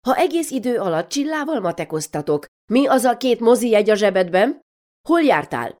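A woman reading aloud, voicing an exasperated mother who scolds her daughters with rapid-fire nagging questions. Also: a little high, sing-song, a little mellow, pitched above the performer's own voice. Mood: scolding.

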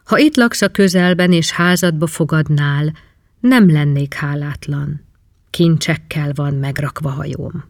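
A man voicing a weary, cursed sailor who speaks in a slow, brooding murmur in a storybook reading. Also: a little high, vocal fry, no room sound, studio quality. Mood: solemn. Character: gaunt, weary, cursed male sea wanderer.

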